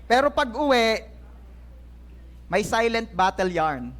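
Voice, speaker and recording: A man's voice: high voice, big pitch swings, slow pace, a bit bright. A man preaching a sermon in a church, joking with the congregation in a playful way. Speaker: pastor. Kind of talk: lively sermon. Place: church hall. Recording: church service with faint crowd. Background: congregation laughing and responding.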